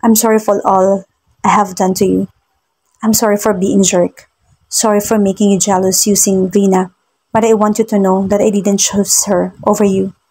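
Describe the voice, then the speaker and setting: A woman's voice: mid-range voice, little pitch movement, normal speed, darkish tone, breathy edge, low-quality recording. Woman reading as a teasing rich husband. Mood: apologetic.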